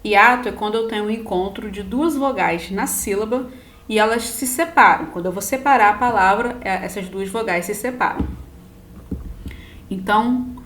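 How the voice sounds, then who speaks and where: A woman's voice: medium pitch, normal speed, fairly bright tone. A woman teacher with a Brazilian Portuguese accent gives a recorded lesson, patiently spelling out word endings one at a time. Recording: roomy echo.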